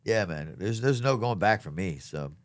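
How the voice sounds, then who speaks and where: Low-voiced man, earnest and slangy. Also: expressive, moderate pace, no echo. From south Louisiana, United States. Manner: earnest, emphatic, slangy, peppers talk with "man" and "bro". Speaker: comedian being interviewed. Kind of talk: casual chat.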